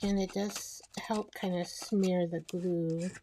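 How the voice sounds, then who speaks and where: A woman chatting casually as she makes a collage, rambling and talking to herself while she glues, her voice soft and sometimes dropping to a whisper. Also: lowish voice, fairly even intonation, takes it slowly, slight background noise. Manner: soft-spoken, drifting into whispers. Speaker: collage artist. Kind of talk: casual crafting narration.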